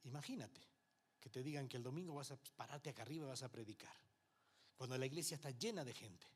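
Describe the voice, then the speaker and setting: With a medium-pitched, fast and slightly breathy voice, a Uruguayan pastor leads a Bible class at church. His Spanish is Uruguayan with some Mexican influence, and his preaching is conversational, full of rhetorical checks and acted-out quotes of what people say.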